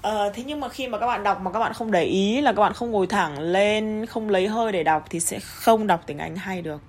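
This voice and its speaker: A woman teaching English pronunciation, speaking bluntly in Vietnamese and reading English examples with a Vietnamese accent and slow, exaggerated rises and falls. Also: medium pitch. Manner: blunt, scolding asides in Vietnamese. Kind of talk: online English pronunciation lesson.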